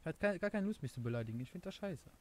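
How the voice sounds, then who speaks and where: With slight background noise, a young Luxembourger speaks rapid-fire in an expressive, high-ish voice with a Luxembourgish accent. He chats casually during a gameplay stream, rambling, laughing at himself and hunting for the right words.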